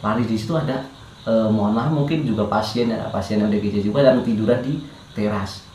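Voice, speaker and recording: A man's voice: on the low side, brisk, darkish tone, reverberant, a little hiss or hum, low-quality recording. A man, a guest telling his life story in a hesitant, casual way with fillers and restarts.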